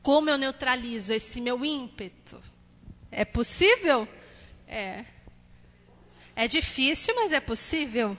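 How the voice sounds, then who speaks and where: A Brazilian woman pastor delivers a lively, conversational sermon, slipping into quick acted asides. Her voice sits high and sounds bright and clear. The recording carries the long reverb of a church hall. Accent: Brazilian Portuguese.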